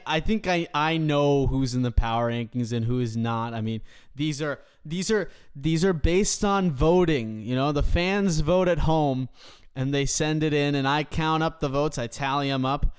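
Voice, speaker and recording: A man hosting a sports podcast, talking with mock-grand, deadpan bravado. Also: a little high, unhurried, clear, resonant tone. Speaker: podcast host. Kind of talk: casual sports podcast banter.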